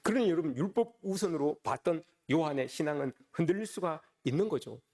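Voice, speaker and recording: A man's voice: on the high side, animated, fairly quick, darkish tone. A man preaching a Sunday sermon as a pastor, often calling out to the congregation with rhetorical questions. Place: church service.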